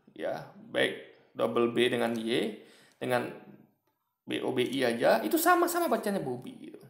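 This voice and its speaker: A man's voice: fairly high pitch, creaky, reverberant. A man giving casual commentary on a video, explaining at length and repeating himself as he talks to his viewers.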